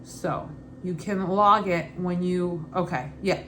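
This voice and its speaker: Over clearly noisy ambient background, a woman with a fairly low, fairly bright voice and fairly even intonation speaks slowly. She reads study questions and answers aloud in an informal way, repeating and rephrasing as she works through them. Her Brooklyn accent is put on loosely and unevenly.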